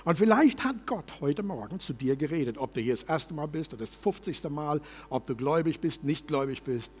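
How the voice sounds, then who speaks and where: A man preaching a sermon as pastor in a church service, passionate and shifting from loud to soft. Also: fairly high pitch, animated, brisk, breathy edge, big-room sound.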